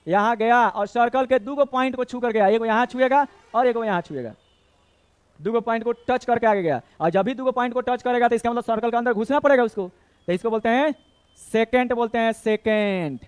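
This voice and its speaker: Male maths teacher, high clear voice, dry close sound, chatty and scolding. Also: normal speed, no room sound. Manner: chatty, scolds and jokes with students, mixes Bhojpuri words. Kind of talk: classroom lesson.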